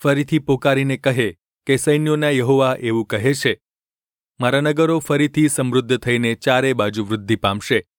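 Guy reading scripture aloud, steady and measured, dry close mic. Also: mid-range voice, dry recording. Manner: measured, even recitation. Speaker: Bible reader.

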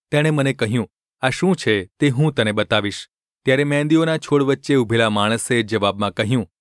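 Male scripture reader, measured even delivery, dry studio sound. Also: mid-range voice, no room sound. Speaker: Bible reader.

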